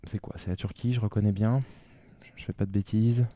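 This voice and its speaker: A man's voice: fairly low pitch, fairly even intonation, fairly quick, dark tone, lo-fi sound. A man commenting on his own play of a geography game, thinking aloud and talking to himself.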